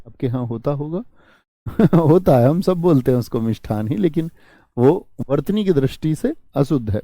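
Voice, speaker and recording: Male teacher, live online lesson, patient, repeats key words, slightly high voice, dry close sound. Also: mellow, no room sound.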